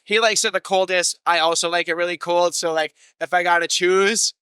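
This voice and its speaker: A man telling tour stories in a loose, rambling way, swearing casually. His voice sits fairly high and bright. It is clean and close in a dry room. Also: steady tone, moderate pace, clear, resonant tone, no room sound. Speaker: guest musician. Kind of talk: casual storytelling.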